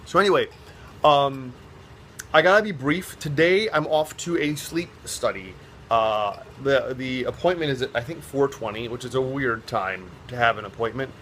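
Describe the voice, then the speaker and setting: A man's voice: medium pitch, normal speed, fairly bright tone, a little hiss or hum. A man chatting casually to his vlog viewers, rambling and self-mocking as he jokes along. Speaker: vlogger, drag performer. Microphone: phone on a stand.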